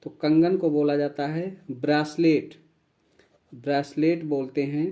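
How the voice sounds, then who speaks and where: Slow man teaching vocabulary. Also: on the high side, fairly even intonation, dark tone. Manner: slow, repeats each word and spells it out. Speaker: English teacher. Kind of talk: vocabulary lesson.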